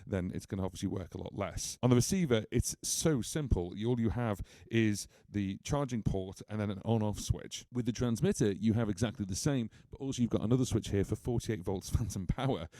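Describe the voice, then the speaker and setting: Low, dark-toned British man reviewing gear. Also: brisk, no echo. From United Kingdom. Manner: chatty, explanatory, many fillers like "obviously". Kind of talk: casual gear review and demo. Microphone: studio microphone.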